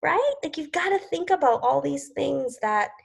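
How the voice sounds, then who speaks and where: Chatty woman in her forties, high voice. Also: expressive, normal speed, creaky, poor audio. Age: 40s. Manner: chatty, lots of "like" and "you know", laughs often. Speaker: team leader hosting a group video call. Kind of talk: casual motivational chat. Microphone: video call.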